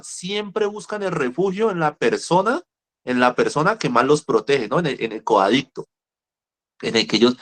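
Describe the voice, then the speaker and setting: A middle-aged man counseling people in recovery in a lively talk. He tells stories, repeats himself and speaks straight to his listeners. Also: mid-range voice. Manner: animated, repeats words, speaks directly to listeners. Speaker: rehab counselor. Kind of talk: motivational talk with storytelling.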